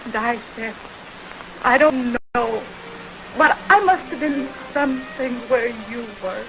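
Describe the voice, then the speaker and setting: A woman playing an anguished, lovelorn woman in an early talkie film melodrama, pleading in halting, drawn-out phrases. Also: on the high side, noisy background. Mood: wistful. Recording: 1920s film soundtrack with loud music.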